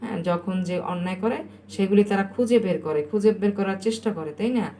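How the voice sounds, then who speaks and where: A woman's voice: medium pitch, fast, mellow, a little hiss or hum. A woman teacher giving a recorded lesson, dictating English sentences word by word and often checking with her pupils. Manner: frequent checking questions to pupils.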